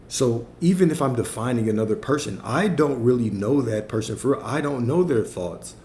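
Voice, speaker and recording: This man, a spiritual coach fielding viewer questions in a livestream Q&A, responds thoughtfully and keeps tossing in tag questions. His lowish, slightly mellow voice sounds a bit tired after talking all day, and the audio is roomy with a little background noise.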